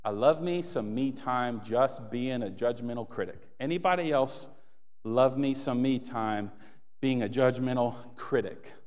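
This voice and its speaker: A pastor in his thirties delivers a passionate sermon from a church stage into a handheld mic, building to emphatic appeals. His mid-range voice is a little slow and a little mellow, with long hall reverb on the recording.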